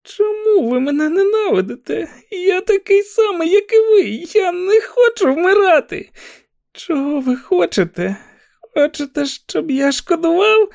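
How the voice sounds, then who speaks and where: A man's voice: expressive, a little slow, gravelly, a little mellow, no room sound, clean studio sound, full character voice. A man reading an audiobook voices a hysterical, unstable young male walker who whines and sobs. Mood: pleading, sobbing. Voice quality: shrill, sobbing, whining. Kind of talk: audiobook character voice.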